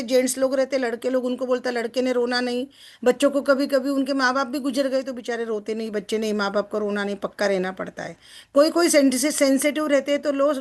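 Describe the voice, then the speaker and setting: Chatty woman success coach. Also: high voice. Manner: chatty, asks listeners for agreement with tag questions; slows down when reading passages aloud. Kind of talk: group coaching session, reading and explaining a text.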